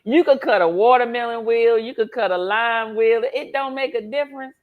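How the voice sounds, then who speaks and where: A woman's voice: a little high, moderate pace, phone-quality sound. A woman from Brooklyn, New York, a guest in a casual interview, explaining things in a plain, matter-of-fact way. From Brooklyn, New York, United States.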